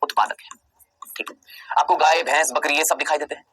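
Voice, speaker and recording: Husky fast-talking male biology teacher. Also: fairly high pitch, little pitch movement, pushed and bright, dry recording, low-quality recording. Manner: asks rhetorical questions and answers them himself; repeats key terms slowly for emphasis. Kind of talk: exam-prep classroom lecture.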